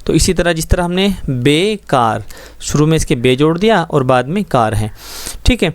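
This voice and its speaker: A man's voice: on the high side, lively intonation, no room sound. Patient man teaching an Urdu lesson. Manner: patient, explains slowly with frequent check-ins. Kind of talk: textbook lesson explanation.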